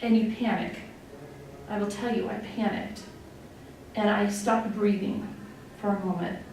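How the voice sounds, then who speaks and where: A woman's voice: medium pitch, steady tone, a little slow, darkish tone. A woman in her forties from Wyoming, a nurse executive telling her own story in a candid, conversational way, with many fillers and open emotion. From Wyoming, USA. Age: 40s. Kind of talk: personal testimony talk. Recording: echoey room, distant mic, faint noise.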